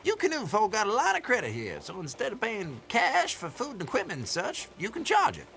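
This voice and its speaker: An actor playing a folksy, teasing old country shopkeeper with an American Southern accent and a youthful, sprightly manner, in a video game. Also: male voice, high-pitched, wildly swooping pitch, a little fast, vocal fry, bright, forceful tone, a little hiss or hum, exaggerated voice. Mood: friendly, explanatory. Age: older. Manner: youthful, spry elder, folksy and playful. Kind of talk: video game character dialogue.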